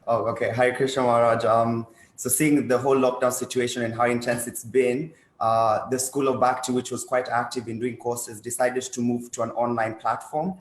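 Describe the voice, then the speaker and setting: A man's voice: mid-range voice, flat delivery, moderate pace, echoey room, low-quality recording. A man, casually describing the online courses he runs during a video call. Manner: casual, loose with fillers.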